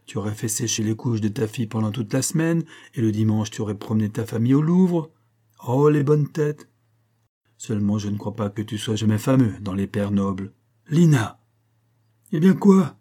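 A man's voice: on the low side, expressive, normal speed, warm tone. A man voicing a bitter, heartbroken young woman who mocks and reproaches her lover in a raised voice. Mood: angry, anguished. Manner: mocking, reproachful, rising to cries.

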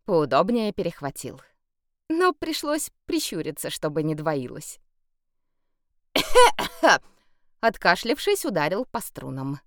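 A woman narrating an audiobook in a lively, expressive storytelling manner. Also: on the low side, moderate pace, no echo, studio quality. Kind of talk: scripted narration.

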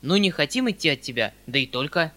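A man voicing a flustered, kindly old country landowner who talks in a hurried, fussy, pleading way. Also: on the high side, big pitch swings, bright, forceful tone.

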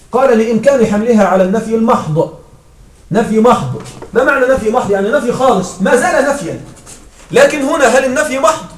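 High voiced guy teaching grammar, keeps asking the class if it's clear, far from the mic in an echoey room. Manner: checks understanding with frequent questions to students. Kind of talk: classroom lesson explaining grammar.

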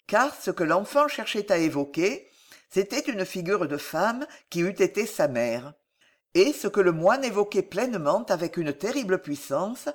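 A woman narrating a classic novel as an audiobook, in a measured and dramatic manner. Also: fairly low pitch. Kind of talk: expressive literary narration.

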